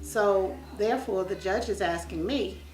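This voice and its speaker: A woman's voice: medium pitch, measured pace, background noise. A plain-spoken woman giving a first-person account as a small landlord, repeating words for emphasis. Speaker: small landlord being interviewed. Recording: echoey room, distant mic, music behind.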